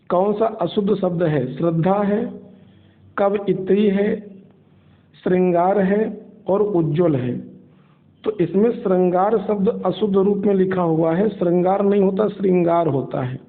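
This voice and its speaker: A man teaching an exam prep class, calmly working through quiz questions one by one and repeating each answer. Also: sits high, measured pace, pauses often. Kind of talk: spoken quiz lesson. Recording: tinny phone-like recording.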